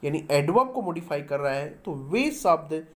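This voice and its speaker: A man teaching a grammar lesson, who keeps asking the class questions and answering them himself and slowly spells out example sentences. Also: on the high side, lively intonation.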